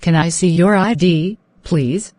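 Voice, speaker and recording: A woman's voice: fairly low pitch, a little slow, a little mellow, no room sound. A woman working as a speaking test examiner, reading out scripted questions and instructions in a polite, formal way.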